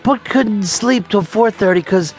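A man's voice: high-pitched, a little slow, soft background music. A man hosting a talk radio show, trading sarcastic, profane jabs with his co-hosts in the studio. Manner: teasing, sarcastic, swears freely.

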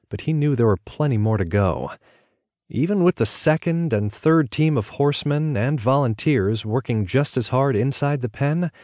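A man narrating an audiobook in a measured, even storytelling delivery on a close microphone. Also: mid-range voice, no echo.

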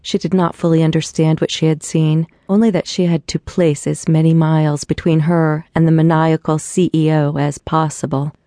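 Low, dark-voiced woman narrating an audiobook. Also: little pitch movement, moderate pace, hardly any pauses, no room sound, studio quality.

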